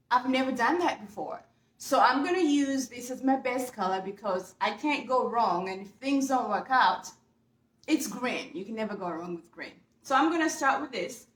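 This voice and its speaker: A young woman from Uganda keeps up a casual, upbeat chat with viewers while working on furniture at home for her painting vlog. Recorded on a camera mic, her a-little-high, fairly bright voice sounds reverberant.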